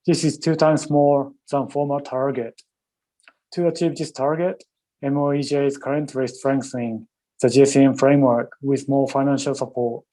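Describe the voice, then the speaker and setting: A man presents slides in a measured, careful way, often stopping to correct himself. His voice is dark and mellow, at an ordinary pitch for a man. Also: low-quality recording. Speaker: presenter from a Japanese ministry. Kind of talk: formal webinar presentation.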